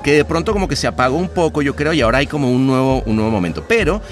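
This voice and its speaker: A man's voice: medium pitch, sing-song, racing, faint music behind. A man with a Venezuelan accent, a podcast guest talking in a reflective, rambling way with many restarts. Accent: Venezuelan Spanish. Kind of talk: casual conversation.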